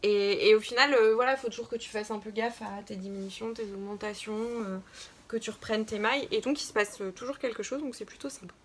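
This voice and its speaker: A woman's voice: a little high, fairly quick. A woman co-hosting a casual knitting podcast, talking hesitantly with many fillers and restarts. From France. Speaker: podcast co-host. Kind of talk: casual chat about knitting.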